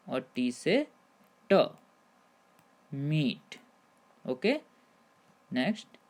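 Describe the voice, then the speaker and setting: Slow, low-voiced woman teaching pronunciation. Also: a little mellow. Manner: spells out letters slowly, then says each word; addresses viewers as friends, repeats rules. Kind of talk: Hindi-language spelling lesson.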